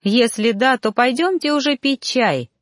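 A woman voicing a calm, unhurried older father who is a high official. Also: no echo, clean studio sound, natural voice.

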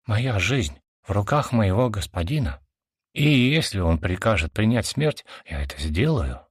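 A man voicing a young woman who pleads softly and desperately with her brother in a storybook reading. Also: fairly low pitch, big pitch swings, measured pace, slightly rough, dry recording, clean studio sound, heavily acted.

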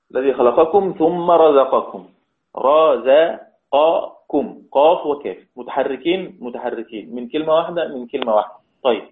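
Man teaching recitation, tinny echoey sound. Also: mid-range voice. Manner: explains step by step, repeats key words, draws out recited examples slowly. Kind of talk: religious lesson.

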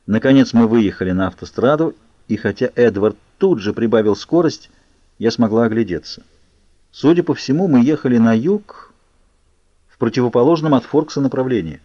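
A male audiobook reader tells the story in a steady, even voice. His tone is dark and mellow, and the recording sounds dry and dull. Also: mid-range voice, moderate pace, dry recording. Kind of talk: scripted novel narration. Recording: muffled lo-fi recording.

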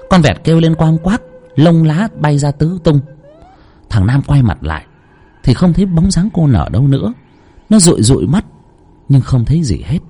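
A man's voice: medium pitch, dark tone, husky. A man narrating a ghost story with a dramatic, tense delivery.

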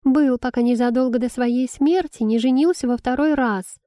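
A woman reading an audiobook voices a wheedling young daughter who pleads and sobs in a high, whiny voice. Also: moderate pace, dark tone, dry recording, studio quality, lightly acted. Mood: plaintive.

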